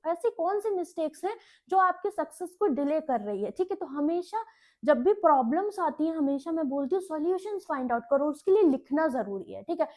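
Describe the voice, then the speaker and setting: A woman's voice: high-pitched, expressive, a little fast, a little mellow. A young woman teacher giving direct, instructive bank exam preparation advice in a lecture, often checking in with her students. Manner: direct, instructive, frequent "ठीक है" check-ins. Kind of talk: Hinglish exam-prep lecture.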